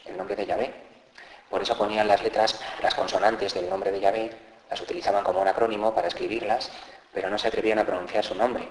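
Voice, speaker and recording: Deep-voiced Spanish priest, echoey church. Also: male voice. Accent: Peninsular Spanish. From Spain. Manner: conversational preaching, frequent tag questions, repeats key phrases. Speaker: parish priest. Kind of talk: Lenten sermon talk.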